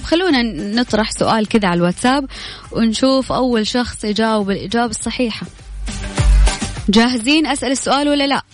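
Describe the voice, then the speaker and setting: A woman with a Saudi Hejazi accent hosting a live radio quiz, chatty and congratulatory as she announces questions, winners and prizes. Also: fairly high pitch. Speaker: radio quiz show host. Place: radio studio with music behind.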